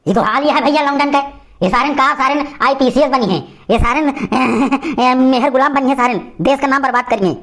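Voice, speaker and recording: A woman voicing an angry old male village uncle in an animated cartoon comedy, ranting and scolding in an Awadhi accent. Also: sits high, moderate pace. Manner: loud scolding, cursing rant.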